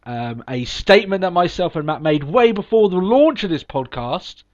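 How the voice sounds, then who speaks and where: Here the podcast host has a high, animated voice with a darkish tone and a moderate pace, though a cold leaves him sniffly. He rambles cheerfully and casually, often saying um and restarting sentences. The audio is dull, lo-fi podcast quality.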